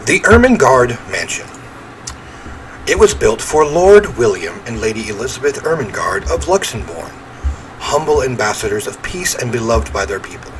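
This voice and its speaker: A man plays a horror visual novel, chatting in a rambling, self-deprecating way and reading the story aloud as casual let's-play commentary. His medium-pitched voice is sing-song at a moderate pace. He uses a standalone desk microphone, and the home gaming recording is noisy.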